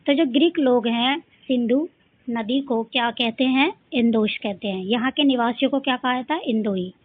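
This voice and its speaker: A woman's voice: a little high, normal speed. A woman with a Rajasthani accent teaching an exam-prep lesson. She asks questions and answers them herself, repeating key points. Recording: dry, phone-like audio.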